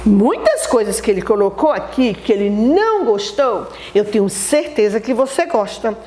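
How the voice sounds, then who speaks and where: A woman teacher with a Brazilian Portuguese accent, giving a children's TV lesson in an animated, sing-song way and talking straight to the children. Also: fairly high pitch, moderate pace.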